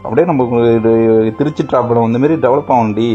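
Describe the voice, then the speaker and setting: A man's voice: mid-range voice, brisk, warm tone, dull audio, faint music behind. A man chatting casually with a friend, first teasing her, then apologizing and coaxing her. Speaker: prank vlogger. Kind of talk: casual prank chat.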